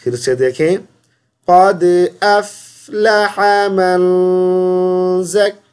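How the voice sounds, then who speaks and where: A man teaching Quran recitation with tajweed, reciting syllables slowly and stretched, then correcting mistakes in quick asides. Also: high-pitched, lively intonation. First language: Urdu. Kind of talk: tajweed lesson, slow drilled recitation.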